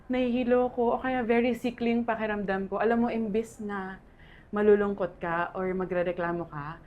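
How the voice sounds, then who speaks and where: A woman's voice: medium pitch, steady tone, moderate pace, narrow, tinny audio. A Filipino woman in her thirties, candidly sharing a painful personal testimony and laughing often as she talks.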